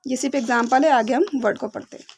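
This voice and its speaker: A young woman teaching beginner English phonics, slowly spelling out each sound and often checking that her learners follow. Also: high-pitched, fairly even intonation, a little mellow, breathy edge.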